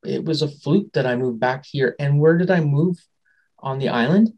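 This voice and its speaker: A man being interviewed as a guest, telling a personal story in a rambling, animated way and often trailing off and restarting. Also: on the high side, moderate pace, lo-fi sound. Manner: animated, acts out quoted dialogue.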